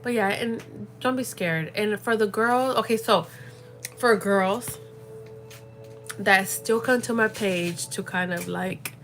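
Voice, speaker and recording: A young woman hosts a casual livestream, rambling along with plenty of fillers and the occasional Spanish word. Her medium-pitched voice is slow and a bit bright, the recording is low quality, and faint music plays behind her.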